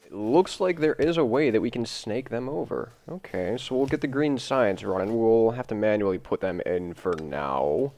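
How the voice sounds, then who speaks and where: A man with a deep, gravelly voice, groggy from an early morning session, rambling through casual gameplay commentary and talking to the machines he builds. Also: expressive, normal speed, few pauses, a little mellow. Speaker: gameplay video host.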